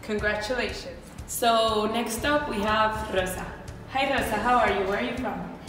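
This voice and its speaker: Music plays behind a woman heard from a distance in an echoing hall, where she acts as a bright, upbeat reporter conducting a survey for a scripted mock news interview. A student, she speaks at normal speed in a slightly high voice.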